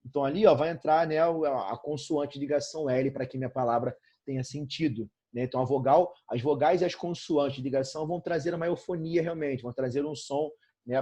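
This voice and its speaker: A man's voice: on the high side, steady tone, fairly quick, dark tone, breathy edge. A man from Brazil with a Brazilian Portuguese accent, teaching a grammar lesson in an upbeat way and checking in constantly with his students. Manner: addresses students familiarly as "irmão" and "galerinha".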